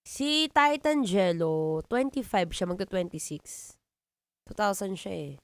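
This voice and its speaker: A woman in her twenties with a Filipino accent and a deep voice, hosting a live radio show and chatting playfully with listeners. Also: lively intonation, measured pace, no echo. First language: Tagalog. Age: 20s. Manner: playful, teasing, laughs often. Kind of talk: live radio chat reading comments. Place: radio studio.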